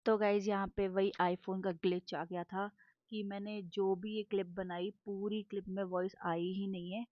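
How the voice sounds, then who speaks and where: A woman's voice: medium pitch, little pitch movement, moderate pace, highs cut off. A young woman chatting casually to her viewers in a home vlog, recorded on a phone, giggly and talkative. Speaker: vlogger. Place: home, kitchen and drawing room. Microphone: phone camera.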